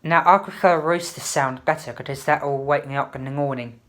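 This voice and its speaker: A woman's voice: sits low, fairly quick. A woman casually reviewing a product, demonstrating it step by step in a hesitant way. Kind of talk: casual unboxing and review chat. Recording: faint background noise and clicks.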